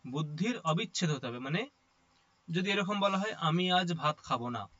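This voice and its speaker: A man's voice: on the high side, animated, moderate pace, fairly bright tone, highs cut off. A man teaching a class, explaining step by step and often checking that listeners follow. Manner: explains step by step, often asks "ঠিক আছে?". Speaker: Sanskrit teacher. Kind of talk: explanatory lecture.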